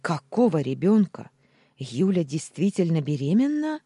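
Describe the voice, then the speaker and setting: A man's voice: fairly high pitch, big pitch swings, moderate pace, dark tone, husky, no echo, clean studio sound, pitched above the performer's own voice. A man voicing a frantic young husband who barks urgent orders in an audiobook. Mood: anxious.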